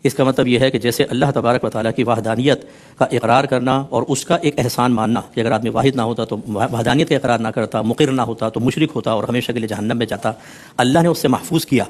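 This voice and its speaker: A mid-pitched man speaking as an Islamic scholar, explaining a scriptural verse at length. He talks earnestly and patiently, adding teasing asides and dropping English words into his speech. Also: fairly even intonation. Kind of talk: religious discourse explaining a Quran verse.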